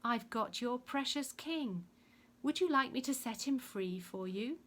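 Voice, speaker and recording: A woman's voice: medium pitch, a little slow, close to an everyday voice. A woman voicing a sly, contemptuous Roman governor in a dramatic Bible story reading. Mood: sneering. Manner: mock-horrified, sneering.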